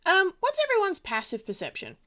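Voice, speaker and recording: A woman's voice: very high-pitched, huge pitch swings, brisk, bright, forceful tone. A giggly woman running a tabletop game, narrating casually as game master.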